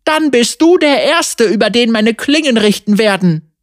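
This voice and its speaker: An immortal winged female guardian pronounces judgment in a raised, commanding tone, her pitch high and ringing, as a woman reads her. This is storybook narration, dry and close. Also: lively intonation, normal speed, no room sound, lightly acted. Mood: stern, commanding.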